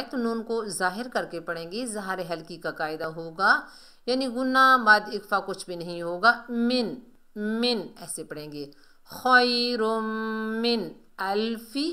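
Her voice mid-range, bright and forceful, a woman explains tajweed pronunciation patiently and step by step, stretching out recited words to illustrate the rules of Quran recitation.

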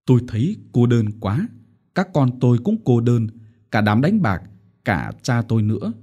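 A man narrating a short story as an audiobook in a measured storytelling manner. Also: mid-range voice, sing-song, darkish tone, breathy edge, dull audio.

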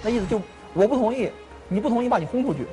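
Man, thirties, earnest, repeats himself, quick delivery, higher-pitched voice. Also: expressive, dark tone, soft background music. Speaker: party in a family dispute. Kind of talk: recounting a family conflict to a mediator.

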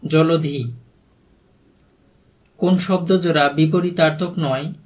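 A man's voice: a little high, fairly even intonation, slow. A man with a Bangladeshi Bengali accent, working as an exam prep tutor and reading out quiz questions, each followed by its answer and a brief explanation. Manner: reads each question then gives the answer plainly.

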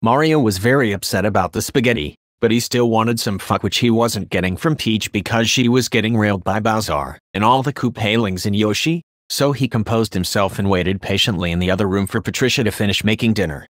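A man narrates his own crude comic story in a flat, deadpan read. His voice sits on the low side. The recording is close and completely dry. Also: a little fast, hardly any pauses, no echo.

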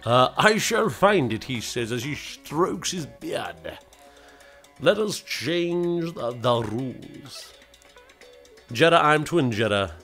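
A man's voice: mid-range voice, expressive, takes it slowly, fairly bright tone, faint music behind. A man hosting a casual game livestream, chatting loosely and playfully with viewers and slipping into silly voices. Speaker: livestream host.

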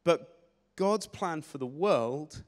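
A young man preaching a sermon on a church stage with a handheld mic, energetic and gesturing, often repeating words as he restarts phrases. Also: a little high, slow. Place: church stage in a large hall. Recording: long hall reverb.

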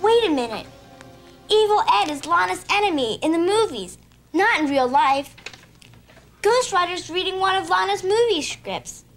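A woman's voice: very high voice, lively intonation, moderate pace, a bit bright, soft background music, full character voice. A young teenage girl playing an earnest kid detective who leads her friends in a TV drama. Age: young teen.

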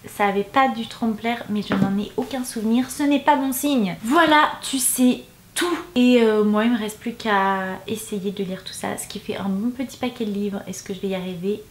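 A woman's voice: medium pitch, moderate pace, reverberant, a little hiss or hum. A woman vlogger chatting casually about her reading list, jokey and self-mocking. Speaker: book vlogger. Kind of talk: casual chat to camera.

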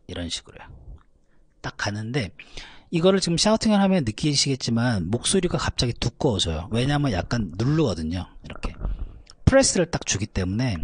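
A man teaching a vocal lesson, calmly explaining technique between high belted demonstrations. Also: slightly rough, no echo. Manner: explains calmly, then belts high shouted notes. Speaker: vocal coach.

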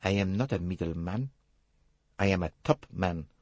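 A man's voice: medium pitch, very animated, normal speed, slightly rough, no echo, voice pushed up. Hercule Poirot, a man putting on a prim detective. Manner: precise, formal. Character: fussy, dignified little male detective, proud.

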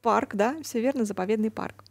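A woman's voice: fairly high pitch, a little fast, vocal fry. A woman in her thirties co-hosting a live call-in talk show in an enthusiastic, exclamatory way. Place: small TV studio. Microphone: headset.

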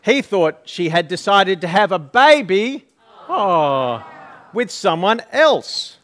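A man pastor with a fairly high voice runs a Christmas story at a church service. He talks slowly and playfully, coaching the crowd through call-and-response prompts. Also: expressive, a bit bright. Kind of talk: leading a Christmas children's story.

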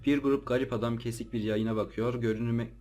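A let's play gamer with an ordinary, middle-range voice chats loosely to his audience as he plays, offering casual gameplay commentary. His voice is mellow, medium in pitch, steady and fast, yet he sounds jittery and easily startled, his slangy chatter jumping into yelps.

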